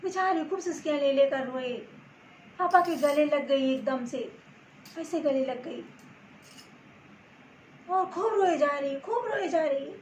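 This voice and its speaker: A woman telling a story to her channel's viewers in gentle, halting phrases, with roomy echo and faint background noise. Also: sits high. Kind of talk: storytelling narration.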